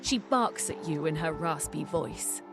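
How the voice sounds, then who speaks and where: A woman's voice: deep voice, animated, a little slow. A woman reading scripted second-person fantasy narration as a game narrator. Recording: music behind the voice.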